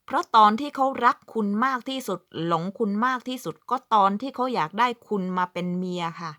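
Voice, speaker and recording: Speaking fairly quickly, a southern Thai vlogger abroad delivers chatty, emphatic advice to camera and acts out what people say. Her voice sits on the high side, expressive, bright and forceful, captured as clean studio sound with no echo.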